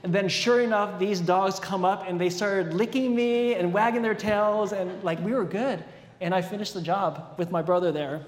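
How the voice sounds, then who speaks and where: A man preaching a sermon and telling a personal story in an animated, self-deprecating way. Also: high-pitched, moderate pace. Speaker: pastor. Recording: echoey hall with long reverb.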